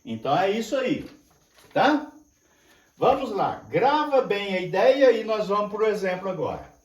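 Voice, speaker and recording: An older man teaching at a whiteboard, explaining slowly and repeating each point while checking that his students follow. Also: high voice, sing-song, recorded from a distance. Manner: slow, repetitive, drawn-out explaining with frequent checks. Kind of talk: classroom lecture at a whiteboard. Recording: echoey room.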